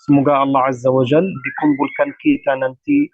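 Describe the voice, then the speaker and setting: Man from Gaza, Arabic accent, religious talk, measured and courteous, dull radio sound. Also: mid-range voice, flat delivery, no echo. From Gaza, Palestine. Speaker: guest speaker.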